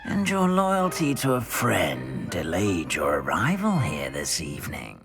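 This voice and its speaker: An actor playing an ancient enchanted talking hat in a fantasy game, slow and pondering, with drawn-out hums and a gravelly voice. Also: male voice, sits low, huge pitch swings, music in the background, exaggerated voice. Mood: musing.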